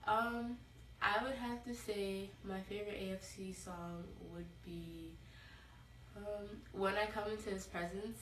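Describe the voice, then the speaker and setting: A woman's voice: medium pitch, steady tone, measured pace, a bit bright. A woman answering questions about her favorite choir song, thoughtful and hesitant. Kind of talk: recorded personal testimony. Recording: echoey room, distant mic, faint noise.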